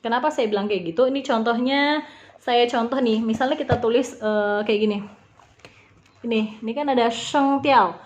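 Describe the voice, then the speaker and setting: A woman teaching a beginner language lesson, patiently spelling out sounds and repeating them slowly. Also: fairly high pitch, highs cut off, slight background noise.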